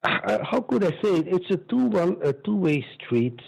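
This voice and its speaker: Heard on a rough recording, this Belgian-accented man in his sixties has a high, sing-song, husky voice with vocal fry and a darkish tone, speaking at normal speed. As an interview guest he spins animated stories, strongly opinionated and emphatic, often repeating himself.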